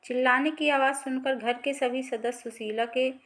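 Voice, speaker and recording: A woman storyteller reading a scripted family drama in an even, plain manner. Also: sits high, moderate pace.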